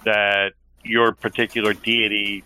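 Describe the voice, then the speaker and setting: A man's voice: on the low side, little pitch movement, a little slow, sharp tone, low-quality recording. A man playing a tabletop role-playing game, explaining his reasoning and narrating what his character does. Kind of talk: in-game discussion, narrating own character's actions.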